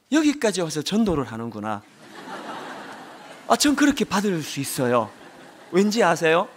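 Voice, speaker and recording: A male pastor preaching a sermon in a church, swinging from loud pleading to soft, slow confession, with soft music behind. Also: fairly high pitch. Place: church sanctuary.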